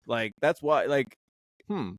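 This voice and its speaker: A man's voice: mid-range voice, lively intonation, slow, no echo, studio quality. Blunt, rambling male podcast host. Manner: blunt, rambling, swears freely. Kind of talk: casual sports podcast chat.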